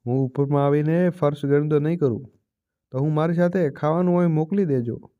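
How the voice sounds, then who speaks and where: A man's voice: fairly high pitch, a little fast, phone-quality sound, lightly acted. A man voicing a harsh young daughter-in-law who scolds sharply, in a storybook reading. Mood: scolding.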